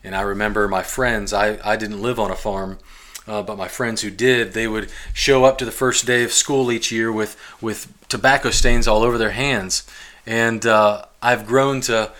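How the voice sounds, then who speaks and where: Male podcaster in his forties with a bright voice and a rambling, restart-heavy manner. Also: on the low side, steady tone, moderate pace. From Ohio and Kentucky, US. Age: 40s. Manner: rambling, many restarts and fillers, chuckles often. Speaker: podcast host. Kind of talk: casual personal monologue.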